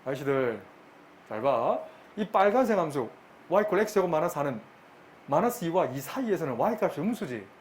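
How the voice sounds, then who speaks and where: A middle-aged male math teacher lectures in a classroom with a slightly raised pitch. He talks briskly, teases his students and repeats his questions to them. A faint room noise sits behind his voice. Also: very animated.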